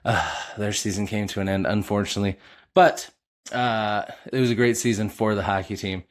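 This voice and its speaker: A middle-aged man with a lowish voice hosts a sports podcast. He talks casually as an eager fan and drops frequent filler uhs between thoughts. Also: steady tone, normal speed.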